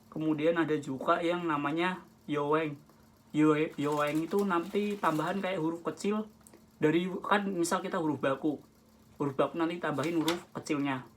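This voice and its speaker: A man giving a casual, rambling Japanese script lesson, with many restarts and self-corrections. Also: a little high. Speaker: Japanese language tutor. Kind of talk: casual home-made lesson.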